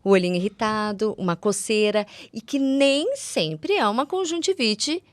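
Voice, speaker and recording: A woman with a Brazilian accent, speaking at medium pitch and a normal speed with no echo, appears as a guest ophthalmologist. She explains eye matters to a lay audience in a conversational, teaching style, repeating words for emphasis and using affectionate diminutives.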